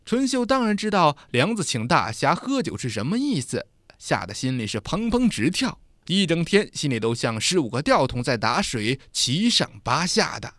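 A man narrating a dramatic story in an expressive, animated way. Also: fairly high pitch, moderate pace, dry recording, studio quality.

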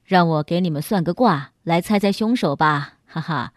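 A woman's voice: fairly low pitch, normal speed, no room sound, clean studio sound, pitched below the performer's own voice, lightly acted. A woman voicing a short, stout male palm reader who jokes while drinking, in a storybook reading. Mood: mocking. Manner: joking, mocking.

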